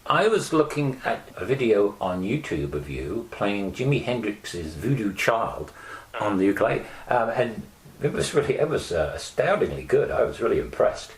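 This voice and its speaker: An older man asks interview questions in a low voice whose pitch swings widely. He sounds conversational and openly admiring. The recording carries a roomy echo. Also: very animated, normal speed.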